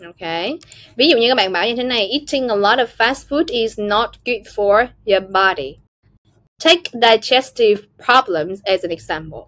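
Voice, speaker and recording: A woman's voice: on the high side, animated, a little slow, fairly bright tone, no echo. A woman with a Vietnamese accent teaching an online class, calling on students by name and explaining phrases. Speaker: English teacher. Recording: dull, lo-fi, dry call audio.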